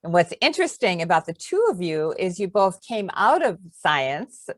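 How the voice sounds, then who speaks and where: A woman's voice: fairly low pitch, very animated, moderate pace, no room sound. A woman moderating a webinar, asking questions carefully and rephrasing them as she goes.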